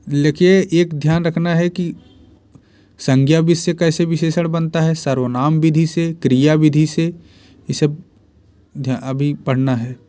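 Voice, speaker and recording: A man's voice: a little high, warm tone. A man teaching Hindi spelling and grammar for exams, repeating each word and answering his own questions. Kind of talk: exam-prep lesson.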